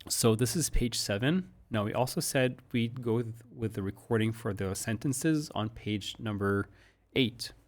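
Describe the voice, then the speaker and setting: A man teaching English pronunciation who says he is sick, with a rough, gravelly voice, reading model sentences aloud slowly and clearly. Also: mid-range voice. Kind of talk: online pronunciation lesson.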